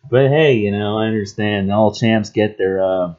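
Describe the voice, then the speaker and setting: A man with a somewhat low voice rambles through a casual vlog monologue. He muses aloud and laughs between thoughts. The sound is muffled and lo-fi. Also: moderate pace, a little mellow. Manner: rambling and musing, breaks into chuckles. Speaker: vlogger. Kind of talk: casual self-introduction monologue.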